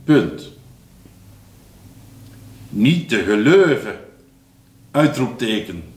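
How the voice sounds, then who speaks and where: Guy reading a dictation real slow, calls out the punctuation low, roomy echo. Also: big pitch swings. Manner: reads each phrase slowly, then drops low to call out punctuation. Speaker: dictation reader.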